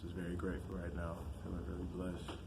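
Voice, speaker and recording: A young man in his twenties answers interview questions in a low, deep voice. He sounds grateful and reflective, often restarting with fillers. Noticeable background noise runs under the recording. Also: completely flat delivery, quick pace. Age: 20s. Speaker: interviewee, student leader. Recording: noisy background hiss.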